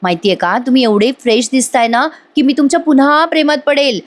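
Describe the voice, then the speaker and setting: A high, insistent young wife hurrying her husband along, as a woman puts her on in a serial recap. Her voice rises well above the narrator's own and stays pleading and pushy. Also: fairly quick, lightly acted. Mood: impatient.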